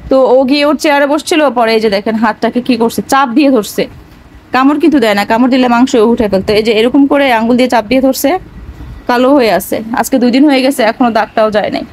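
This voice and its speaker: A young woman speaks in a high, bright voice. She coaxes her crying child with soft, repeated endearments. Her talk sounds weary and distressed. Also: very fast, rough recording. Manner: tender, coaxing, repeating endearments. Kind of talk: home vlog, soothing a crying child.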